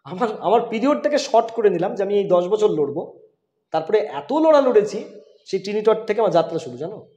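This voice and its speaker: Man, headmaster, emphatic, repeats points, high pitch, mellow tone, roomy sound. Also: big pitch swings, brisk, dull audio. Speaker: school headmaster. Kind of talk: conversational interview.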